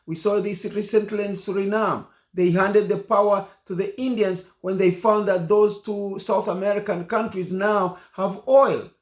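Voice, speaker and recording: A man's voice: sits high, echoey room. A man from Uganda giving an impassioned political monologue as a commentator, repeating and hammering his points.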